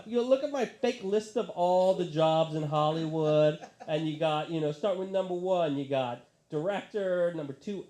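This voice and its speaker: A male comedian in his thirties rants through a stand-up set in a bar, his voice pitched fairly high. He swears freely and sounds exasperated, speaking into a handheld stage mic. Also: mellow. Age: 30s. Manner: ranting, profane, exasperated.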